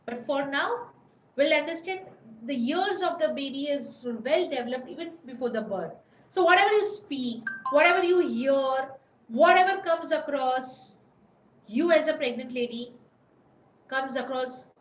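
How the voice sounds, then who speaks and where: In a high-pitched voice with a little hiss or hum on the audio, a woman presents an informal webinar lecture. She repeats herself often and searches for words; the recording is roomy, with faint ambience in the background.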